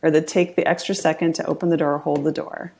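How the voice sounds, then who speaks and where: A middle-aged woman chatting as a podcast guest, upbeat and quick to laugh as she tells stories. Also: low-pitched, level tone, darkish tone. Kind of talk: casual interview chat.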